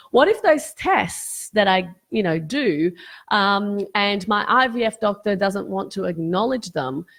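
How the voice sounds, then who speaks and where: A woman's voice: on the low side, creaky. Woman losing her voice, hosting live Q&A. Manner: earnest, explanatory, with frequent fillers and restarts. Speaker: fertility specialist hosting a live Q&A. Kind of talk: live-streamed Q&A talk.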